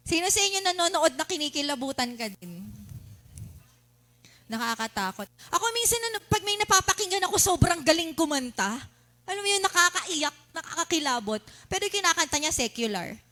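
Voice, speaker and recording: A woman with a Filipino accent delivers a sermon in a very high, bright voice. She keeps asking the congregation questions and acts out shouting worshippers with animated energy. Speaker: preacher.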